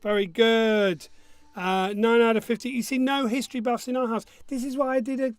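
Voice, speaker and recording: A man's voice: extremely high pitch, steady tone, moderate pace, slight background noise. A man with a missing front tooth hosting a quiz casually, reading questions and answers in a jokey, self-mocking way. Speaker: quiz host.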